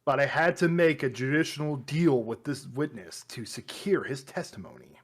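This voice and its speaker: Man playing a composed prosecutor, very varied pitch. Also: expressive, moderate pace, breathy edge. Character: smooth-talking, composed male courtroom prosecutor. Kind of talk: reading video game dialogue aloud.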